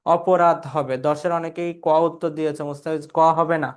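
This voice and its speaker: A man's voice: a little high, flat delivery, fast, smooth. A young male teacher from Bangladesh going through exam questions in an online class, asking questions, answering them himself and calling out the names of students who got them right. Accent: Bangladeshi Bengali.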